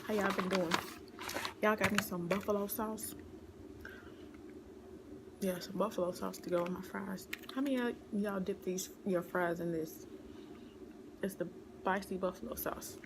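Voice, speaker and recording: A woman's voice: mid-range voice, steady tone, measured pace, long pauses. Young woman whispering to her viewers, chatty, lots of y'all, noisy background hiss. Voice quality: whispery, soft-spoken. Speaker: vlogger. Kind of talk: casual mukbang chat.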